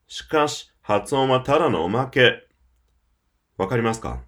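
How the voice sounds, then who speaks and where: A man delivering a scripted audio course in a lively, rising-and-falling voice. He sounds persuasive and emphatic and speaks straight to the listener. Faint clicking sounds in the background. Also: mid-range voice. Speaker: English-learning course presenter.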